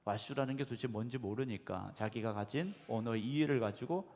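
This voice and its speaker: Gravelly-voiced pastor preaching in a reverberant church. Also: male voice, mid-range voice, fairly quick, darkish tone, soft background music. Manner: conversational, asks the congregation questions, frequent affirming "네". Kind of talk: sermon. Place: church sanctuary. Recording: echoey church hall.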